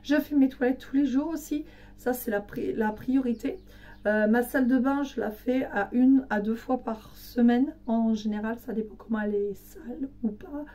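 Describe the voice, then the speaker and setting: A woman with a hoarse, raspy, breathy voice that is recovering from voice loss, chatting casually as she explains her household routine step by step. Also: a little high, moderate pace, mellow, recorded from a distance. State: hoarse, weak voice recovering from laryngitis. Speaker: home cleaning vlogger. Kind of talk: casual chat to camera.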